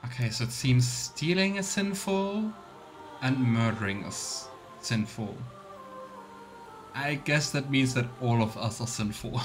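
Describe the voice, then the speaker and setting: Over faint game music, this gamer gives rambling, casual Let's Play commentary, musing and thinking out loud. His voice is medium-pitched and animated, at a measured pace.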